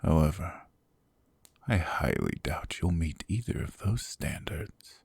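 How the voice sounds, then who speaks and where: In this ASMR roleplay, a male voice actor plays a cold, possessive demon king looming over his captive, mocking in a slow, condescending drawl and sinking into gravelly whispers right at the ear. His full character voice is extremely low, very husky and darkish, with big pitch swings and rough fry at phrase ends. The close recording is dry, with no room sound.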